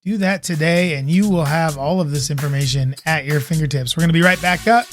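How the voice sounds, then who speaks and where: A man's voice: fairly high pitch, brisk, soft background music. Upbeat, rambling male podcast host. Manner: upbeat, rambling, with frequent asides. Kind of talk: casual chat.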